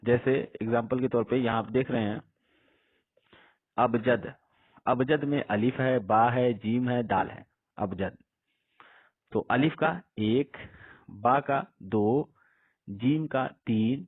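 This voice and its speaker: A man teaching an Urdu grammar lesson. He asks a question, answers it himself, and says each example word slowly and more than once. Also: mid-range voice. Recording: husky voice on tinny phone-like audio.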